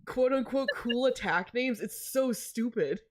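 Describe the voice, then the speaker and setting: A woman's voice: fairly high pitch, animated, a little slow. Chatty woman streamer who swears freely. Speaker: podcast co-host running the stream. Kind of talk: casual chat on a live stream.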